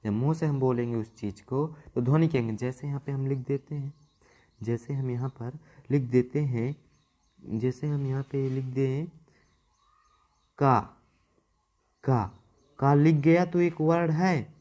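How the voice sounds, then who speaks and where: This is a Hindi grammar lesson delivered by a man with a medium-pitched, warm voice and fairly even intonation. He talks a little slowly with frequent pauses, repeats key terms, elongates words for emphasis, and asks questions only to answer them himself.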